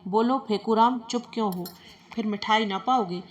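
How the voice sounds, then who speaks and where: A woman's voice: fairly high pitch, moderate pace, natural voice. A woman voicing a shrewd, commanding queen who coaxes and questions. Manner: commanding, coaxing.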